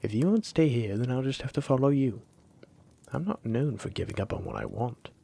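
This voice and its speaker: A man plays a flirty, teasing, dragon-blooded librarian in a roleplay audio drama, coy and persistent, drawing out his phrases with breathy asides. His medium-pitched voice is expressive and dark-toned, with a little hiss or hum.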